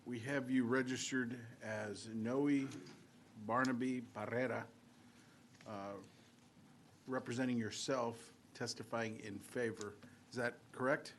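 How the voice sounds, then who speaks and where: Man, committee chair, procedural, mid pitch, faint background noise. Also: steady tone, slow. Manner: formal, procedural. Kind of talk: chairing a hearing.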